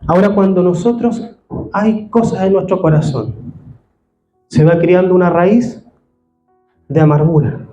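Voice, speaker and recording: Earnest high-voiced pastor preaching. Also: male voice, measured pace, long pauses, warm tone, highs cut off, faint music behind. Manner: earnest, rising to fervent appeals. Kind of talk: sermon. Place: church hall. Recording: echoey church hall.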